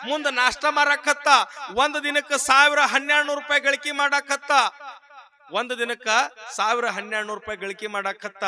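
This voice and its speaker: A man preaching, his voice very high and strikingly bright. He tells a story in a humorous sermon and turns to speak straight to his audience. His delivery is lively throughout.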